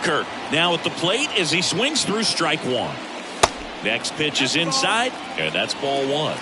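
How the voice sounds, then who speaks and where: A man's voice: fairly high pitch, sing-song, unhurried, heavy background noise. A man giving baseball play-by-play in clipped phrases, punching up key calls. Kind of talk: live baseball play-by-play commentary. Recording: loud ballpark ambience behind commentary.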